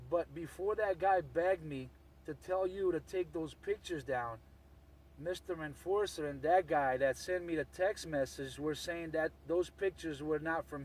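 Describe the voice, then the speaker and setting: A man's voice: a little high, recorded from a distance, low-quality recording. A man, a truck driver, talking over CB radio in an aggrieved way, often repeating himself. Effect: heard over CB radio.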